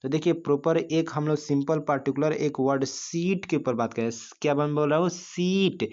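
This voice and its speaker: A man teaching English pronunciation in a classroom-style video lesson. He explains step by step, asks the class rhetorical questions, and slowly drags out single syllables for them to repeat. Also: fairly high pitch, fairly even intonation, darkish tone. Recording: dull lo-fi recording.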